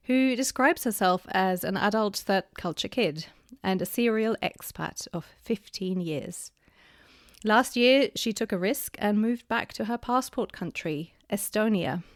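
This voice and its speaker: A woman's voice: medium pitch, no room sound, studio quality. A woman hosting a podcast interview, enthusiastic, laughing often and restarting her phrases. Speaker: podcast host.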